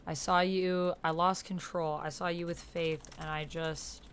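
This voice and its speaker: Noticeable keyboard clatter accompanies a woman who casually streams a text-based roleplaying game, thinking aloud and voicing her messages as she types. Her voice is on the low side, level and fairly bright, and she speaks a little slowly.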